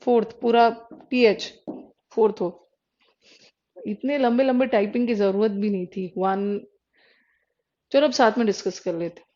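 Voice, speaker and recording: A woman teaching an exam-prep English class, sounding out letters and words slowly to explain pronunciation while mixing Hindi and English. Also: mid-range voice, fairly even intonation, dark tone. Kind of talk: classroom lecture. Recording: dull lo-fi recording.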